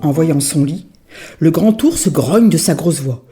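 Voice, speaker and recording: A woman storyteller reading a children's story aloud in an expressive, sing-song manner. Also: sits low, measured pace, faint music behind.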